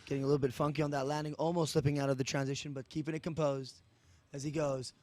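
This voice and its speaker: A man's voice: fairly high pitch, level tone, fast, a little mellow, dry recording. A man giving technical play-by-play sports commentary. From Australia.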